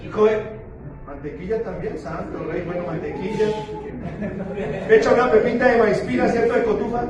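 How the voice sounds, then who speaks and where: A man preaching a sermon as pastor, playful and questioning, slowing down for emphasis. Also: high-pitched, steady tone, highs cut off. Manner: playful, asks the congregation questions, slows down for emphasis. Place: church sanctuary. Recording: very echoey church hall, far from the mic, with music behind.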